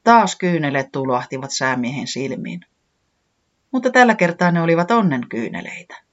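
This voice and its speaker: A gentle children's storyteller reading at a measured pace, with a lively, varied voice. The sound is dull and lo-fi, like an old storybook cassette. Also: medium pitch. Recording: dull lo-fi recording.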